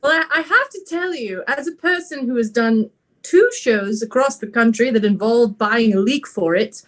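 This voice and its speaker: A woman's voice: fairly high pitch, normal speed. A woman co-hosting a casual chat, rambling with restarts and chuckles. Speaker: podcast co-host, stage actor.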